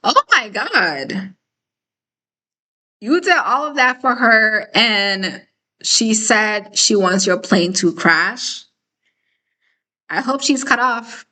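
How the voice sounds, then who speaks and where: A woman's voice: fairly high pitch, slow, sharp tone. A woman hosting a casual live-stream discussion, talking emphatically and checking in with her viewers with frequent "okay?" and "right?" as she reads out their comments.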